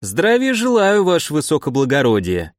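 A man's voice: fairly high pitch, huge pitch swings, moderate pace, dry recording, studio quality. A man voicing a groveling, frightened merchant who pleads and fawns, in an audiobook reading. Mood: fawning. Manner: pleading, fawning.

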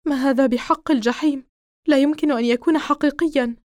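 A woman's voice: sits high, steady tone, fast, darkish tone, no room sound, studio quality, pitched above the performer's own voice, lightly acted. A woman reading an audiobook voices a worried young man who talks urgently and tries to reassure. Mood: alarmed.

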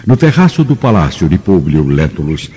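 A man with a Brazilian accent narrates a scripted radio drama in a solemn, literary storytelling style. His deep, warm, husky voice swings widely in pitch at a moderate pace. The radio recording sounds dull, with long reverb and music playing behind him.

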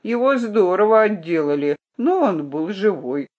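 A reader voicing a frightened male tramp who speaks hoarsely and whines as he pleads. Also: high voice, sing-song, a little slow, dull audio. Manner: whining, pleading.

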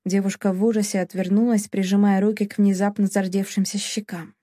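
Женщина, читающая роман тёмным голосом. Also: female voice, mid-range voice, little pitch movement, fairly quick, warm tone, dry recording, studio quality. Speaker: audiobook narrator. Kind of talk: scripted narration.

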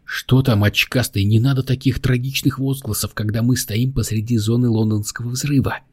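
A man's voice: on the low side, normal speed, darkish tone, husky, dry recording. A man reading the lines of a blunt, nervous young man in an audiobook.

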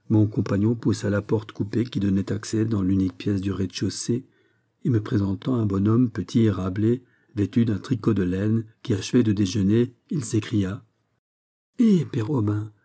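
A man reading a literary short story aloud in a measured, even narration. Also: fairly low pitch, husky. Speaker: audiobook reader.

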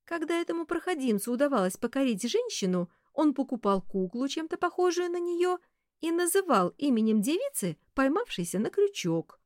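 Woman reading as a sharp-tongued young office woman. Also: high-pitched, very animated, moderate pace, no room sound, studio quality, voice pushed up. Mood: scornful. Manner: defiant, scornful.

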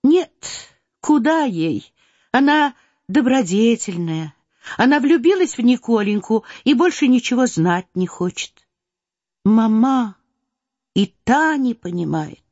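Woman voicing a lively teenage girl, impulsive, playful, eager, animated pitch, slightly dull dry recording. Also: slow pace, dry recording, full character voice. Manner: excited, insistent.

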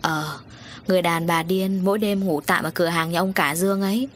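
A woman voicing a kindly old male foster father who speaks gently. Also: lowish voice, steady tone, fairly quick, a little hiss or hum, lightly acted. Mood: gentle.

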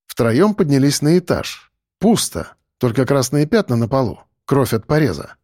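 A man's voice: mid-range voice, big pitch swings, moderate pace, a little mellow, no room sound. A man reading a first-person crime story aloud in a dry, wry tone. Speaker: audiobook narrator. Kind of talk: first-person audiobook narration.

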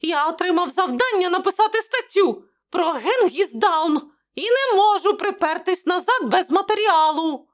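A woman's voice: lively intonation, normal speed, few pauses. A woman voicing a small, plump, pushy male reporter who whines and squeals. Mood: wheedling. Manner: shrill, squealing.

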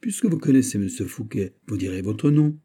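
A man's voice: lowish voice, lively intonation, fairly quick, warm tone, slightly rough. A man narrator voicing a proud, plain-spoken Breton fisherman, in an earnest, firm manner.

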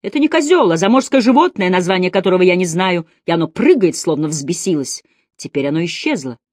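A woman's voice: on the low side, expressive, quick pace, darkish tone, no room sound, studio quality. A woman reading a frantic older male goldsmith who cries out in dread at his visions. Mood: excited.

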